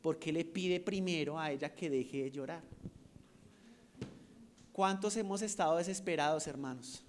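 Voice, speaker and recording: High-voiced male preacher, rhetorical questions. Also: normal speed, a little hiss or hum. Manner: rhetorical questions, swings from loud to hushed. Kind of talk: sermon.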